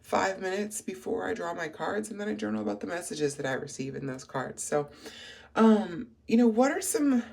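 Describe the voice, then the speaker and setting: A spiritual life coach in their thirties rambles through a casual morning vlog. The voice is groggy and gravelly, with a rough fry from a short night's sleep. The talk is reflective and full of fillers and restarts. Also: medium pitch, lively intonation, moderate pace, a little mellow.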